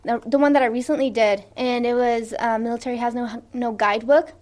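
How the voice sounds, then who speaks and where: A woman's voice: fairly high pitch, steady tone, fairly quick, darkish tone. A woman in her late twenties, a podcast founder, talking enthusiastically as a radio guest with frequent fillers and giggles. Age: late 20s. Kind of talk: radio interview.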